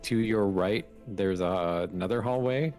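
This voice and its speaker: Low, slow-paced man narrating a game. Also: faint music behind. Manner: relaxed, halting narration with many ums. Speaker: game master. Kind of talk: narrating a tabletop game on stream.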